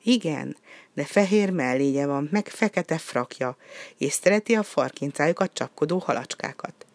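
A reader voicing a sensible, gentle male penguin who speaks mildly and earnestly. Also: mid-range voice, expressive, no room sound, natural voice. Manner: mild, careful and earnest.

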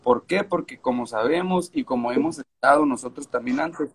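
A man's voice: mid-range voice, normal speed, breathy edge. A man with a northern Mexican accent chatting casually in an interview, full of street slang and swearing, repeating phrases for emphasis. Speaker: skateboarding event organizer.

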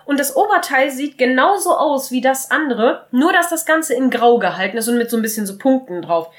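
A woman co-hosting a podcast, chatting casually and retelling scenes in a lively way with lots of fillers. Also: sits high, a little fast. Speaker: podcast co-host. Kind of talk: casual chat recapping a TV episode.

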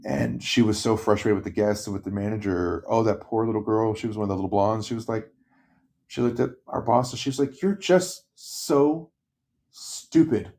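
A man telling work stories in casual chat, high and chatty, acting out the people he quotes. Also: steady tone, brisk, darkish tone.

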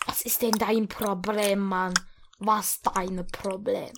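A woman's voice: mid-range voice, flat delivery, slow pace, gravelly, background noise, pitched below the performer's own voice. A woman playing a fussy, flustered schoolteacher who hesitates a lot, in a comedic role-play sketch. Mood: flustered, stern. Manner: hesitant, lots of um and uh.

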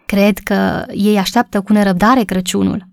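A woman voicing a cheerful, kind young married woman who talks brightly and eagerly in an audiobook story. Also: mid-range voice, fairly even intonation, gravelly, no room sound, studio quality, natural voice.

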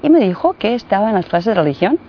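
A woman's voice: mid-range voice, very animated, fast talker. Hesitant woman in her forties, muffled. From Bosnia and Herzegovina. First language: Croatian. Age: 40s. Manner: hesitant, many fillers. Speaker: guest, translator and guide. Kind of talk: interview. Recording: muffled with faint noise.

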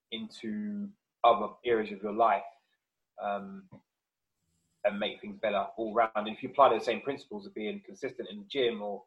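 Over a low-quality recording, a personal trainer appearing as a guest on a fitness podcast talks in a relaxed, chatty manner. His voice sits on the low side as he explains things informally.

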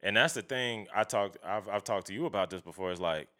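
A man's voice: lowish voice, a little fast, pushed and bright. A man chatting casually in an emphatic, slangy, profane way, often checking that the listener agrees. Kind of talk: casual opinionated chat.

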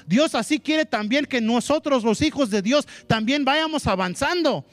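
High-voiced man preaching. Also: moderate pace, dry recording. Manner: mixes Spanish with English phrases; animated preaching that acts out quotes. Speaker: pastor. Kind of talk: sermon.

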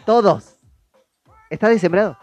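A man's voice: sits high, a little slow, a little mellow, dull audio, soft background music. A man hosting a casual podcast, teasing and pressing his co-hosts with questions. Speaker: podcast host.

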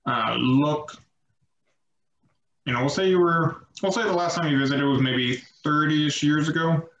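A man narrating as game master of a tabletop game, slow and halting with many fillers. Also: fairly high pitch, fairly bright tone, echoey room, rough recording.

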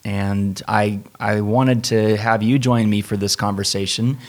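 Male pastor-host, low voice, measured and thoughtful, casual chat. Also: fairly even intonation, vocal fry. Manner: measured, thoughtful, frequent restarts. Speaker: pastor and theologian, podcast host. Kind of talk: casual conversational podcast.

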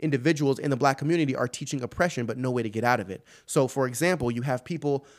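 A man's voice: mid-range voice, quick pace. A man hosting a podcast, giving impassioned solo commentary with emphatic repeats and rhetorical questions. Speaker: podcast host.

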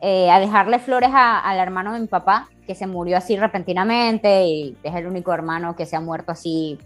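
A woman's voice: fairly low pitch, fairly quick, faint music behind. Playful teasing young woman. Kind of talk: casual chat.

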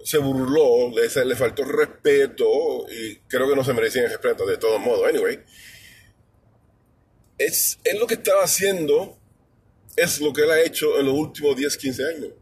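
A man's voice: medium pitch, normal speed, husky. A man from New York giving an emphatic, blunt, repetitive political commentary in a casual monologue. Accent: New York Spanish speaker. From New York, USA.

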